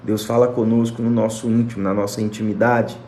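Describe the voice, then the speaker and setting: A man's voice: fairly low pitch, flat delivery, a little fast, darkish tone, slight background noise. A man with a Brazilian Portuguese accent preaching and praying fervently on a livestream, repeating blessings to his listeners. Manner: fervent, repetitive blessing of viewers by name. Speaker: pastor. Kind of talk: prayer and sermon on a livestream. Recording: echoey room with faint music.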